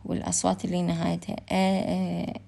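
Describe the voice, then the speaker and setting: A woman's voice: lowish voice, completely flat delivery, fast, gravelly, mellow. A woman with an Iraqi Arabic accent lecturing on English pronunciation, switching between Arabic and English with frequent hesitations. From Iraq. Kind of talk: recorded online lecture.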